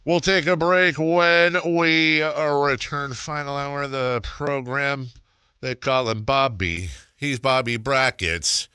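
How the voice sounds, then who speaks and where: A man's voice: medium pitch, steady tone, slow, bright, forceful tone, smooth, no echo. A man hosting sports radio with casual, bantering talk, close on a studio mic. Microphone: close studio microphone.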